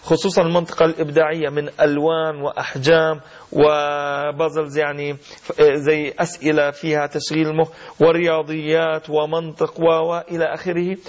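Male radio health host, quick and fluent, explanatory, muffled broadcast sound. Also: a little high, monotone. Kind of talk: call-in health advice. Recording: dull lo-fi radio audio.

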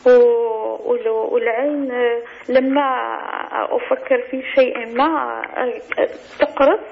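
A woman in her sixties calls in, her voice gravelly and slightly high, halting over each word with long fillers. The line is dull and lo-fi, with a faint hiss underneath. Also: steady tone. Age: 60s. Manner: hesitant, halting, many fillers. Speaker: caller. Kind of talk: phone-in call. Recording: lo-fi phone line with faint noise.

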